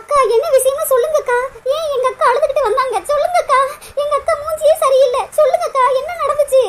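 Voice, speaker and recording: A woman's voice: very high voice, fairly even intonation, fast talker, background noise. A woman voicing a heartbroken young woman in a cartoon, talking through sobs and pleading. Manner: sobbing, pleading.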